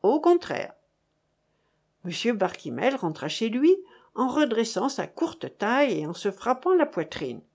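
Slow, measured woman narrator. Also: fairly high pitch, big pitch swings, darkish tone, slightly rough. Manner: measured, deliberate reading. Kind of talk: storybook narration.

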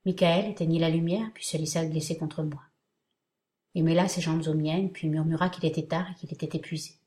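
A woman narrating a novel in the first person at a steady, measured pace. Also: low-pitched. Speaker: audiobook narrator.

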